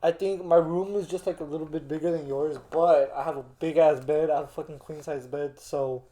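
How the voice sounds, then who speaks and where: Mellow young stoner guy, echoey room. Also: a little high, steady tone, brisk. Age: young adult. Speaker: co-host. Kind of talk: casual chat. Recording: roomy, echoing indoor sound.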